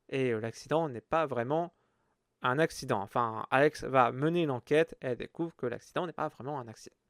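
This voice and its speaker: A man's voice: fairly high pitch, no room sound, clean studio sound. A man hosting a casual solo podcast, rambling with lots of hesitations. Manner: rambling, many hesitations and fillers. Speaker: podcast host.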